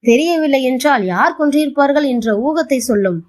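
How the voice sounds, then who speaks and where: Woman playing a young male judge, wise, gentle, probing questions, slightly high voice. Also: expressive, brisk.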